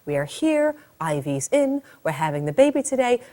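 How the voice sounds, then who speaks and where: A woman's voice: on the high side, very animated, normal speed, dark tone, pitched above the performer's own voice. A woman putting on the voice of a flustered husband trying to reason with his wife in labor. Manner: firm then nervous, reasoning.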